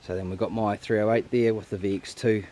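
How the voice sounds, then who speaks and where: A man whose voice sits on the low side, dark in tone, speaks fast with fairly even intonation. He hosts a hunting vlog in a broad New Zealand accent, keeping the outdoor chat casual, laid-back and matey with slang. Faint outdoor background noise is present.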